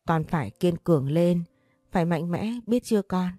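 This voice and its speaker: Woman doing a dead old dad's spirit, soft and grieving, low mellow voice, story audio. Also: normal speed, dry recording, natural voice. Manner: pleading, fatherly. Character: dead father, older man, tender and grieving.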